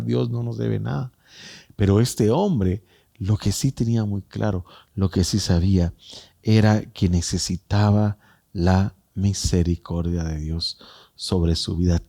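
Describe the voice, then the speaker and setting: A male pastor preaching a sermon, repeating phrases for emphasis and swinging between raised cries and hushed lines. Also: lowish voice, gravelly, husky.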